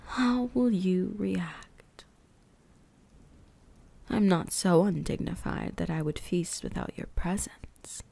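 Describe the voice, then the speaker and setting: In an ASMR roleplay, a voice actress plays an ancient vampire huntress murmuring to her prey. Her fairly low, soft, dark voice carries breathy whispers and a creaky edge, and the exaggerated performance is very slow, seductive, possessive, teasing and quietly menacing, with a predatory, taunting mood.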